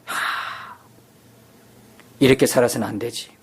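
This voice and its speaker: A man's voice: mid-range voice, fairly even intonation, unhurried, husky. A male pastor preaching a sermon, acting out quoted prayers and sometimes dropping to a near-whisper. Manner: acts out quoted prayers with rising intensity; drops to a soft near-whisper at times.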